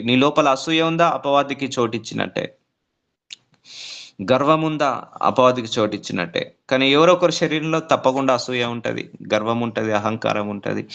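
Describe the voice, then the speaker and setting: A man's voice: mid-range voice, gravelly, a bit bright, dull audio. A man preaching a sermon as pastor, repeating phrases, asking rhetorical questions and slipping English words in. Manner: repetitive, rising emphatic preaching with rhetorical questions; mixes English words into his speech.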